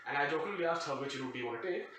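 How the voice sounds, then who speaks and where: Racing through a funny anecdote, a man with a high-leaning, pushed, bright voice keeps things wry, sarcastic and full of tangents. He hosts a storytime show and was raised outside his current country. The sound is very echoey, from a distant mic, with faint noise.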